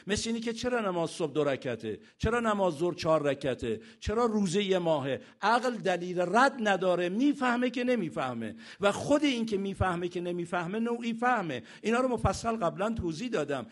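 A man preaching a sermon, asking rhetorical questions and drawing out scripture slowly. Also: high voice.

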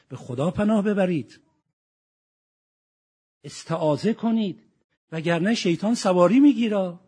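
A man giving a religious sermon, reciting verses slowly and moving between quiet reflection and loud exhortation. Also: a little high. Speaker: preacher.

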